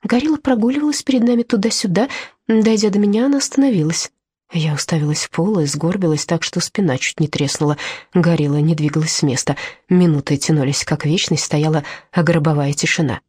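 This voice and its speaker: A woman narrating an audiobook in first person with expressive storytelling. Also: deep voice, brisk, breathy edge, no echo, studio quality.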